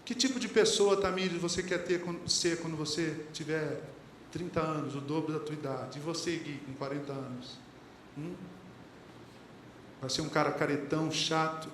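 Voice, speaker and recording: A Brazilian-accented preacher talks at a moderate pace, his slightly high, bright voice staying fairly even. He asks the congregation questions and draws on lyrics and sayings, recorded in an echoey church hall with faint ambience and a little hiss or hum.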